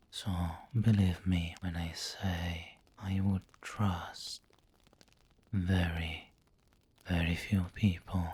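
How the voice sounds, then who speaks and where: In an intimate, whispery ASMR roleplay, a man plays an aristocratic vampire lord, refined, snobbish, possessive and doting on the listener. His low, darkish voice is breathy, husky and exaggerated. He speaks slowly, formally and deliberately, pausing mid-phrase.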